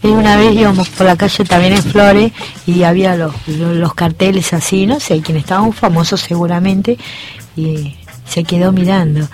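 A middle-aged woman with an Argentine accent, a nervous radio guest telling earnest personal stories and softly trailing off at the ends of thoughts. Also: on the low side, steady tone, moderate pace. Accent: Argentine Spanish. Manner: earnest, acts out remembered dialogue, trails off softly. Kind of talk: emotional personal storytelling. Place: radio studio.

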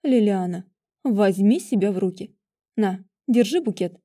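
A woman's voice: mid-range voice, measured pace, mellow, close to an everyday voice. A woman voicing a stern, bossy female witch who grumbles and gives strict orders in an audiobook. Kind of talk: audiobook character voice.

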